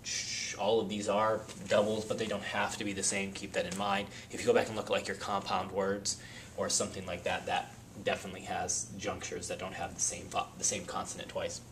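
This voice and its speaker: Low-voiced man teaching a phonics lesson. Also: completely flat delivery, fairly bright tone, a little hiss or hum. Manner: patient, explains step by step and repeats example words slowly.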